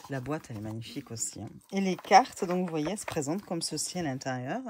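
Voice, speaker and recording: A woman's voice: low voice, animated, fast, darkish tone, a little hiss or hum. A woman casually reviewing tarot and oracle decks, chatty and hesitant with many fillers. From France.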